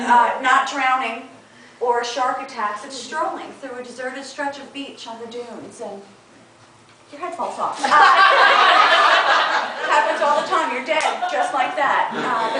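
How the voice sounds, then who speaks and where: A woman's voice: high voice, a little slow. A woman, performing a chatty, self-mocking stand-up set and laughing at her own jokes. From Long Island, New York. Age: 40s. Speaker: stand-up comedian. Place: comedy club stage. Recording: very echoey room, distant mic, noisy.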